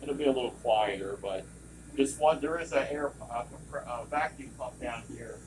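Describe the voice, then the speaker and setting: A man's voice: mid-range voice, moderate pace. A man in a hands-on training session, explaining equipment in a casual, rambling way that wanders off on tangents. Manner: informal, rambling, digressing. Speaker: equipment trainer, service technician. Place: room with running lab machinery. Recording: distant mic, loud machine noise. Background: loud compressor and vacuum pump noise.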